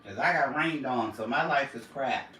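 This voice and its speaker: A playful woman with a Southern drawl chats on a home live stream while she sorts things. She sits back from the mic in an echoey room with loud noise behind her. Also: very deep voice, normal speed, distant mic. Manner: playful, chatty, slips into a put-on Southern drawl. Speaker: vlogger going live. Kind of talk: casual live-stream chat.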